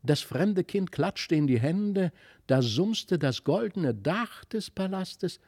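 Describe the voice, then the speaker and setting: Man narrator, fairly high gravelly voice, expressive storybook reading, dry close sound. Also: takes it slowly, no room sound. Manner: expressive, lilting. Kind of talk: storybook reading of a fairy tale.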